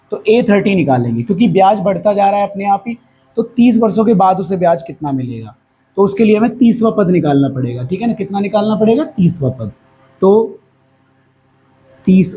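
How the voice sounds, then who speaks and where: A high-pitched, warm but hoarse male voice comes from a maths teacher giving a whiteboard lesson, captured on a low-quality recording with faint background noise. He patiently asks questions and then answers them himself.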